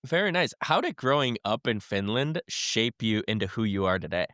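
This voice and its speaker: A man's voice: fairly low pitch, sing-song, moderate pace, bright, forceful tone, no echo, studio quality. A man co-hosting a podcast, asking questions with brief upbeat reactions. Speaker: podcast co-host. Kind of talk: casual interview hosting.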